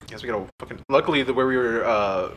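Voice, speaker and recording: A man telling stories in casual chat, animated and swearing freely, laughing often. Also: medium pitch, fast talker, slight background noise, poor audio. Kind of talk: casual storytelling.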